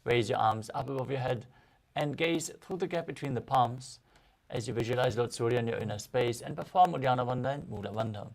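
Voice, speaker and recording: A man with a mid-pitched, gravelly voice leads a guided yoga practice as the instructor. He gives each direction in a measured, instructional way, with fry running through the words.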